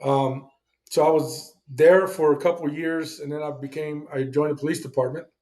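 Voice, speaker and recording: A man's voice: on the high side, fairly even intonation, moderate pace, darkish tone. Blunt man telling service stories. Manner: blunt, swears, acts out quoted dialogue. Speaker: guest, Navy veteran. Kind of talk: casual storytelling interview.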